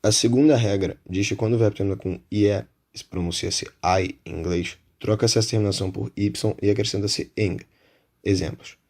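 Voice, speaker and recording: A man with a Brazilian Portuguese accent teaching an English grammar lesson, spelling out examples in a measured way. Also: lowish voice, fairly even intonation, a little mellow. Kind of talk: explanatory lesson.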